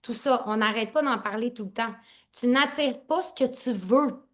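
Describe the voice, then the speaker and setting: Excitable woman with a Quebec French accent. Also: on the high side, normal speed. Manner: excitable, rambling, laughs often. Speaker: network marketing team leader. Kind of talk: live online training talk.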